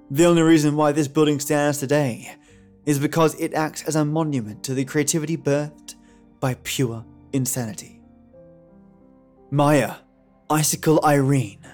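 Guitar music runs under a male podcast host as he narrates and comments from a script, dramatic like a stage storyteller. His voice leans high and has a slightly mellow quality.

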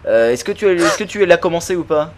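A man's voice: on the high side, expressive, fast talker. Brief: male podcast host, rambling, laughing, slight background hiss. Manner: chatty, laughing, rambling anecdotes. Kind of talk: casual chat.

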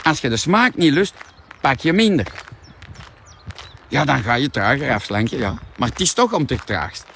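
A man with a Flemish accent, ranting animatedly and swearing as he pitches a diet product on a live vlog. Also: big pitch swings, moderate pace, gravelly, pauses often, fairly bright tone, slight background noise. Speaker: product seller.

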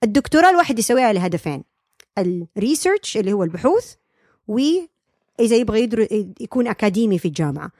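A young woman talks quickly and explains her field as a guest, with fillers and restarts and English terms mixed in. The sound is dry and close. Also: fairly high pitch, big pitch swings, darkish tone, no room sound. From Saudi Arabia. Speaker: speech-language pathologist guest. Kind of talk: casual podcast interview.

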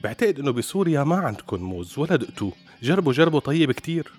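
A male storyteller plays a curious, condescending man at a dinner table in a narrated story. He speaks insistently and quickly in a Syrian Arabic accent. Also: mid-range voice, very animated, a little mellow, faint music behind, pitched above the performer's own voice, close to an everyday voice. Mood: naive insistence. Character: naive, curious man offering fruit at dinner. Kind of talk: acted quote in a narrated story.

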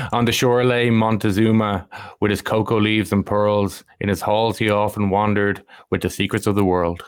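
Brief: male co-host, lower voice, dry sound, reads a verse and jokes about his own fumbles. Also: little pitch movement, normal speed, few pauses, smooth, no echo. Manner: laughing at his own slips, self-mocking. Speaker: podcast co-host. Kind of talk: reciting a quote, casual chat.

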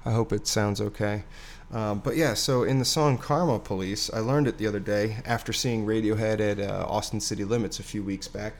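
This host has a fairly low, steady voice and talks briskly with few pauses in a casual, rambling solo chat. He sits at a piano, away from a dangling mic that picks up his voice distantly, with music in the recording.

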